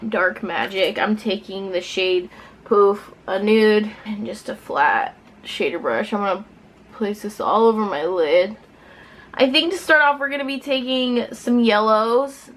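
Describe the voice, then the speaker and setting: A woman with a medium-pitched voice talks viewers through a makeup routine while drunk. She is giggly and rambling, playful and quick to mock herself. There is noticeable noise behind her voice. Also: fairly bright tone. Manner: playful, self-deprecating, swearing. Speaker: beauty vlogger presenting a makeup tutorial. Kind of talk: casual makeup tutorial chat to viewers.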